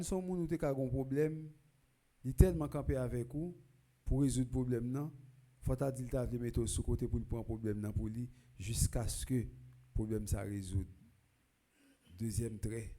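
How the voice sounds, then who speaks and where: A man with a Haitian accent, a priest reading the gospel and giving a funeral homily in a church, measured and rising to loud proclaiming calls. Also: mid-range voice. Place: church during a requiem mass.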